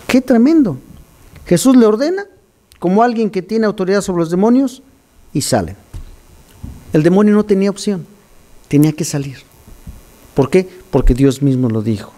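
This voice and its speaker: A man preaching an animated, teaching sermon to his congregation. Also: on the high side, normal speed, long pauses. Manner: animated, teaching, scolds listeners for distracting him. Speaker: pastor.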